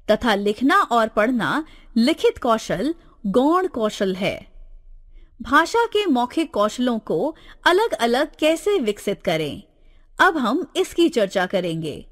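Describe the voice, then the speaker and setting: Slow, high-voiced woman reading a lesson. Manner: slow, deliberate, textbook reading. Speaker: teacher. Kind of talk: reading a grammar lesson aloud.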